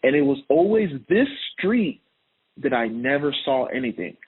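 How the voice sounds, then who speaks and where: A Honduran man, appearing as a podcast guest, chats casually and laughs often while telling his story in an interview. His voice is medium-pitched and sing-song with a breathy edge, delivered at normal speed. The line sounds tinny, like a phone.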